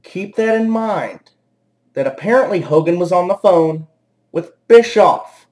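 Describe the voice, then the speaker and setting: A man's voice: high voice, expressive, measured pace, a little mellow. A man reviewing a wrestling show in an angry, profane and sarcastic rant. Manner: exasperated and profane. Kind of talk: angry ranting commentary.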